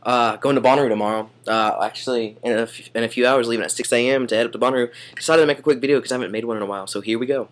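A man's voice: mid-range voice, steady tone, racing, few pauses. A young man ranting profanely and exasperatedly in a comedy vlog, stammering and restarting as he goes. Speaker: comedian vlogger. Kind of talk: satirical rant vlog.

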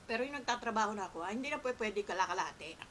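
A woman's voice: mid-range voice, lively intonation, very fast, noisy background. A woman vlogger chatting casually to her viewers while chewing her food. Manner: chatty, laughs between bites. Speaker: mukbang vlogger.

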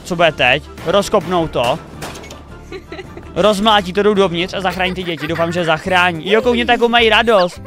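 High, bright excitable young man. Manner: excitable, thinking aloud, cheering the players on. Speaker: reaction video host. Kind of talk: excited reaction commentary. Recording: faint music behind the voice.

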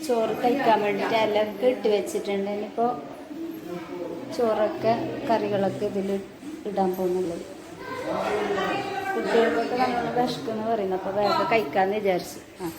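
A woman's voice: medium pitch, fairly even intonation, normal speed, pauses often, a loud crowd. A young woman, a mother, chatting casually to her viewers as she films a home vlog on her phone. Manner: chatty, talks to viewers as "guys". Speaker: vlogger and mother. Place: home and car, indoors. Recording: echoey room with clear background noise.

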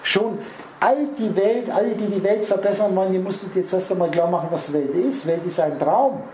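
A man's voice: high voice, fairly quick, darkish tone, slight background noise. Man lecturing in a roomy echoing hall. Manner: rambling, addresses listeners directly with wordplay. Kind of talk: spiritual lecture to a small audience. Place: lecture room.

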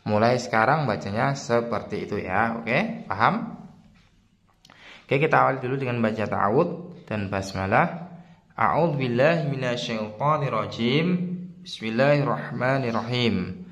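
A man teaching a reading lesson step by step, explaining patiently and chanting the examples in a drawn-out tune. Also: medium pitch, expressive, fairly bright tone.

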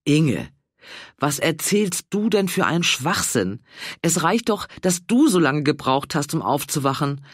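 A man voicing a brash, bossy older woman in an audiobook, loud and emphatic, coaxing one moment and scolding the next. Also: low-pitched, expressive, moderate pace, husky, no echo, clean studio sound. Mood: indignant. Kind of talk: audiobook character voice.

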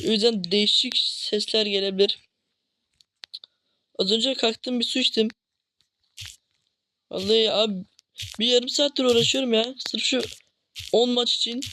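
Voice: mid-range voice, fairly bright tone, slight background noise. A gaming channel host talking over gameplay at home, often frustrated, exclaiming and grumbling at teammates. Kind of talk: gameplay commentary.

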